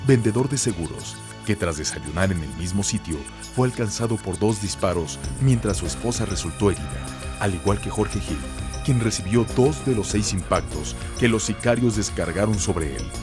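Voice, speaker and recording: A male narrator with a lowish voice reads a documentary script in a formal, even manner. Clear music plays under his voice. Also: normal speed.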